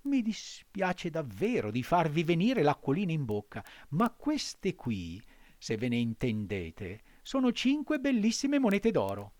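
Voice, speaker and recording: A man's voice: a little high, wildly swooping pitch, measured pace, darkish tone, dry recording, voice pushed up. A man voicing a naive, boastful wooden puppet boy in a storybook reading. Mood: eager.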